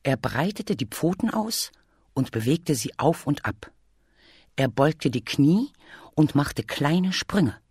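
Slow, calm storybook reader. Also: medium pitch, breathy edge, dry recording, clean studio sound. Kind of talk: children's story read aloud.

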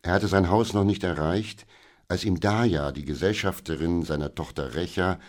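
Deep-voiced male audiobook narrator, calm measured storytelling.

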